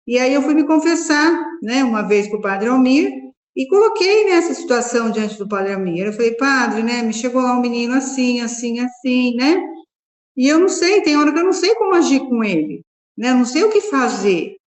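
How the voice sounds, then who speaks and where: A woman's voice: high-pitched, animated, a little fast. A woman, a catechist, tells a personal story in a group Bible study, talking conversationally and often adding "né?" as she goes. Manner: conversational, frequent tag "né?", retells dialogue. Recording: echoey room.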